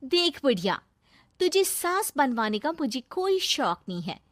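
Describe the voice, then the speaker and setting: A woman's voice: high-pitched, big pitch swings, unhurried, no room sound, pitched above the performer's own voice. A woman voicing a rude, scheming young woman in a cartoon, speaking sharply and dismissively. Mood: scornful.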